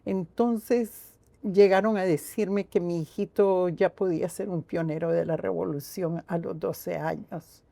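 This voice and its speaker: Older woman guest with a Costa Rican accent, husky and fry-laced, mellow tone, slow earnest telling. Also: fairly low pitch, steady tone, no room sound. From Costa Rica. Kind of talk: reflective personal storytelling.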